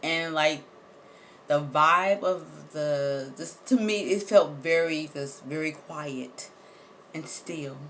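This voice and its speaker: A woman telling a personal story straight to her viewers, animated and emphatic, repeating words for effect and swearing casually. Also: deep voice, takes it slowly, a little hiss or hum. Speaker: vlogger.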